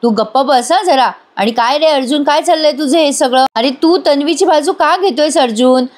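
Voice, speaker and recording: A woman's voice: high voice, moderate pace, voice pushed up, lightly acted. A woman reading an angry, domineering father. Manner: angry reproach.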